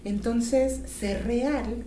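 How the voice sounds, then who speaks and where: A woman's voice: on the high side, drawn-out words, warm tone. A middle-aged woman in casual conversation, acting out quotes in exaggerated voices. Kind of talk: casual chat. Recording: echoey room with faint noise.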